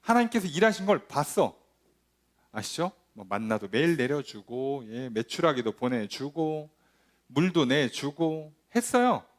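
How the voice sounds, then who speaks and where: A man's voice: fairly high pitch, very animated, measured pace. A male pastor leading a Bible study, often asking his listeners whether they follow him. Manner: checks understanding with frequent rhetorical questions; acts out quoted speech in dramatized voices.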